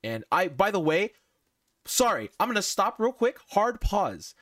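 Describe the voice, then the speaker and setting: Man, podcast host, animated, mock-exasperated, dry close sound. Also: sits high, measured pace, no echo. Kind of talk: casual chat among friends.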